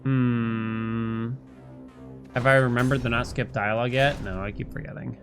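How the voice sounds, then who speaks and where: While livestreaming a game, a man with a medium-pitched, steady voice and measured pace chats casually with viewers. He rambles, plays around and makes nonsense sounds, all over loud video game music.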